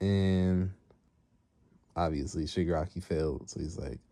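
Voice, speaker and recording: A man's voice: sits low, unhurried, dark tone. A man casually retelling a comic story in slangy, conversational talk.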